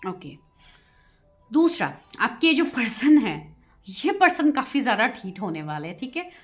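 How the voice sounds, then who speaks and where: Giggly woman tarot reader, somewhat high voice. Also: sing-song, measured pace, soft background music. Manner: giggly, keeps breaking into laughter; chatty, mixes English into her talk. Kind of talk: tarot reading video for viewers.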